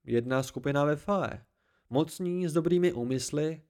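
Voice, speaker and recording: A man voicing a patient innkeeper storyteller who speaks lower and mildly, soothing a distraught friend, in an amateur audiobook. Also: darkish tone, close to an everyday voice. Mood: calm. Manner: low, mild, soothing. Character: calm older innkeeper storyteller, patient, gentle.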